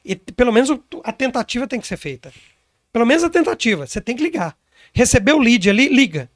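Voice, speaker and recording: High-voiced man explaining sales tactics. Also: very animated, fast, dry recording, studio quality. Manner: emphatic, explains with examples and quotes. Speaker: sales consultant and trainer. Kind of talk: casual interview talk.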